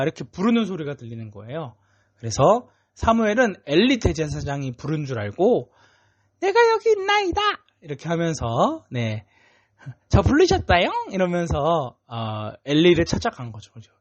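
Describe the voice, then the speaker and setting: A man's voice: a little high, lo-fi sound. A man preaching a children's sermon in a church, telling the story in a playful, chatty way. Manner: animated, playful, chatty with kids, frequent 'ne'. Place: church worship room.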